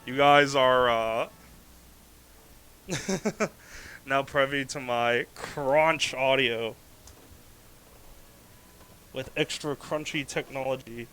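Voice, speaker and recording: A man's voice: medium pitch, extremely slow, pauses often, pushed and bright, clear, resonant tone. A young man chats casually on a live stream, rambling and laughing often. He's wearing a lapel mic at home, and his voice comes through crunchy and bitcrushed. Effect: crunchy, bitcrushed mic audio. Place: home kitchen, indoors.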